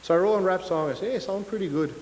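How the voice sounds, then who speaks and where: The young guest speaker from Hawaii now sounds high-pitched, very fast and a little mellow as he delivers his casual, self-deprecating, joking talk. His Hawaiian Pidgin English rings through a reverberant lecture hall with faint hiss.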